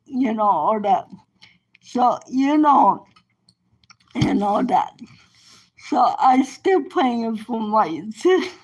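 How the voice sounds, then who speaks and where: Slow, high-voiced rambling woman storyteller. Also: poor audio. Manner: rambling, repeats "you know" often; halting, restarts sentences. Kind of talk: casual personal storytelling.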